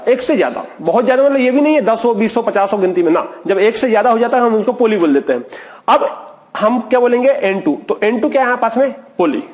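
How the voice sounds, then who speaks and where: A man teaching a chemistry video lecture, who keeps asking a question and answering it himself in a steady repetitive explaining style. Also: very high-pitched. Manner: asks the class a question, then answers it himself.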